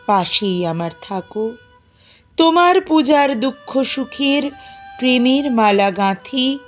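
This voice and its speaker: With music playing behind her, a high-voiced woman performs poetry expressively, lingering in lengthy pauses and sounding plaintive and dramatic.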